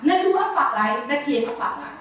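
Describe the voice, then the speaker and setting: A woman's voice: high-pitched, lively intonation, quick pace, a bit bright, slight background noise. Woman lecturing in a roomy echoing hall. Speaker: conference speaker. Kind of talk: lecture on counseling. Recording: echoey hall from far off.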